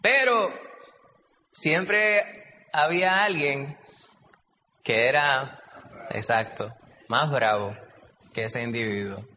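This is conversational Bible teaching from a man with a Puerto Rican accent, who questions the group as he goes. He speaks slowly in a sharp, mid-range voice, with long pauses. The sound is dull and echoey, from a hall, with faint hiss.

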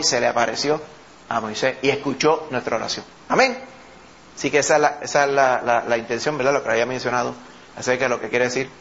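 A man's voice: mid-range voice, fairly bright tone. A man preaching a Bible study sermon in a conversational teaching manner, often checking in with his listeners. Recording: dull lo-fi with faint noise.

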